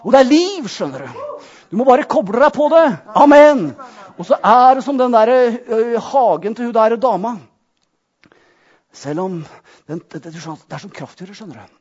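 A man preaches with fervor, punctuating his sermon with calls of amen and hallelujah. His voice sits very high for a man. The recording sounds dull and lo-fi. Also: big pitch swings, a little mellow.

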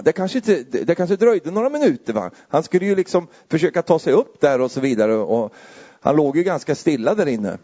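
Man preaching, rising to excitement. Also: lo-fi sound. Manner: conversational, often adds tag questions, grows louder and higher as he builds. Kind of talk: sermon.

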